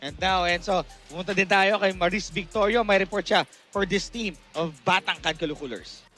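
A man's voice: sits high, a little fast, pushed and bright, soft background music. A young man with a Filipino accent presenting a sports broadcast as anchor on a headset. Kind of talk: sports broadcast presenting, mixing English and Tagalog.

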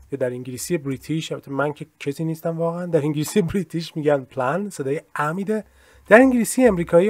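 A man's voice: on the high side, no echo. A man whose first language is Persian, teaching an English lesson and explaining at length with modest asides and many examples. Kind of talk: recorded screen-share lesson.

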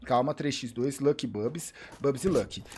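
A man with a Brazilian Portuguese accent reacting live to an esports match, excitable and profane, repeating short cries. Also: mid-range voice, normal speed, noisy background. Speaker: streamer commentating an esports match. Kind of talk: live game reaction commentary.

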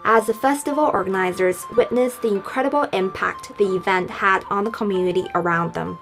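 Woman doing doc voice-over, steady scripted read, loud music under it. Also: medium pitch, poor audio. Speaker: documentary narrator. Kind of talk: scripted narration.

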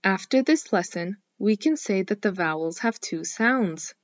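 A woman teaching a scripted phonics lesson for young children, speaking slowly and clearly in an encouraging way. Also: medium pitch, expressive, dry recording, highs cut off. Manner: slow, clearly enunciated, encouraging.

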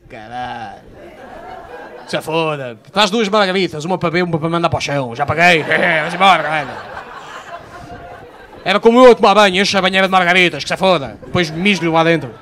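In a live stand-up set with crowd work, a young man with a Portuguese accent banters loudly and swears freely with the audience from the comedy stage. He sounds high and animated, talks a little fast and pauses often; faint crowd noise is in the background.

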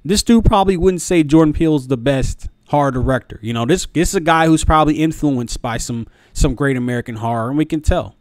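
A man in his thirties giving casual review commentary, halting and often repeating words. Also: on the high side, no room sound. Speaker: video commentator. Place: small room at home. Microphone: close desk microphone, headphones on.

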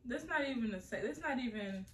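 A woman's voice: a little high, expressive, brisk, fairly bright tone, rough recording. A woman reacting bluntly and skeptically to her boyfriend's prank gifts at home. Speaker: girlfriend, co-host. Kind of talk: casual prank vlog banter.

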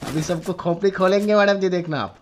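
A man streaming a shooter game pranks someone over voice chat, teasing and flirting playfully. He speaks a little fast in a high-pitched voice, on noisy game-chat audio.

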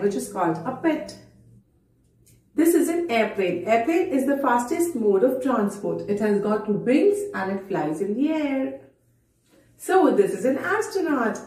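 A woman in her thirties speaking in a kindergarten teacher voice, giving a simple, deliberate, repetitive preschool lesson to camera. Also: fairly high pitch, a little mellow. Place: indoors, small bare-walled room. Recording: echoey room, distant microphone.

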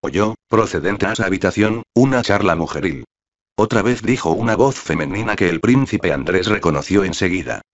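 A man narrating a classic novel as an audiobook, reading in a measured, steady way. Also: low voice. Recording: dull lo-fi recording.

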